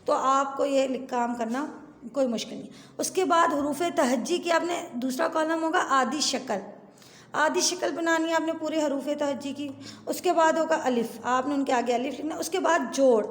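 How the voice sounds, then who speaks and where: High-voiced woman teaching, echoey room. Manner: patient, spells out letter sounds slowly. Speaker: kindergarten Urdu teacher. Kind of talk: recorded lesson for pupils and parents. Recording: echoey room with long reverb.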